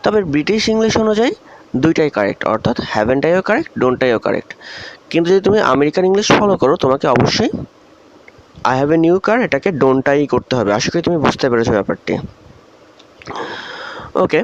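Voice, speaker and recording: A man's voice: on the high side, very animated, brisk, pauses often. A man from Bangladesh teaching English grammar in a recorded video lesson, often asking questions and then answering them himself. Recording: dull lo-fi recording with faint hiss.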